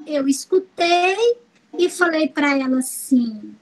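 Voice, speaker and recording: A Brazilian woman, a family constellation therapist, teaching through lively stories and repeating phrases for emphasis. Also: high voice, slow pace, rough recording. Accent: Brazilian Portuguese. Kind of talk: teaching talk with anecdotes.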